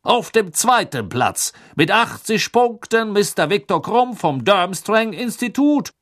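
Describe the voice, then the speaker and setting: A boisterous male tournament announcer, put on by a man reading a story aloud, calls out to a crowd in a magically amplified voice. It booms loud and sits much higher than a plain speaking voice, with a showy, drawn-out ring. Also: sing-song, exaggerated voice. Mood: announcing. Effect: magically amplified voice booming over the stands. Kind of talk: audiobook reading.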